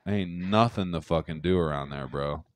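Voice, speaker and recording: A man's voice: low-pitched, moderate pace, no room sound. A young man co-hosting a podcast in casual, rambling chat, swearing and restarting often. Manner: rambling, loose and profane, many restarts. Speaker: podcast co-host.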